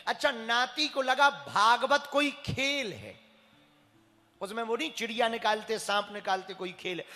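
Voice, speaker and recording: A male religious storyteller tells a comic tale in a lively way and acts out its characters. His voice is very high and bright. It comes through a PA in a hall with long reverb. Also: a little slow.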